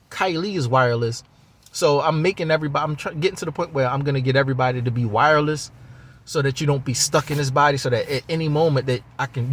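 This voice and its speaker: A man's voice: mid-range voice, a bit bright, husky. A man talking in a loose, rambling monologue about spiritual ideas, casual and profane, with lots of fillers.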